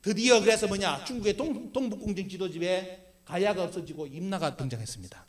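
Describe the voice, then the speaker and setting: A man's voice: sits high, fairly quick. A middle-aged man giving an emphatic public history lecture with slides, constantly posing rhetorical questions and answering them himself. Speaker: lecturer for a history civic group.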